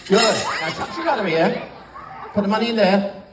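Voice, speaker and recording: Heard from several metres away on an audience phone camera, an older English man with a high, lively voice and moderate pace performs theatrical kids' party magician patter, teasing the children while instructing them. The live comedy show takes place in a large, echoey wood-panelled council chamber, with a noisy young crowd and adults in the background.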